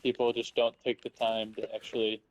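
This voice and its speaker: A man's voice: fairly low pitch, completely flat delivery, a little fast, low-quality recording. A man talking in casual chat, blunt and dry, swearing freely. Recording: faint background noise.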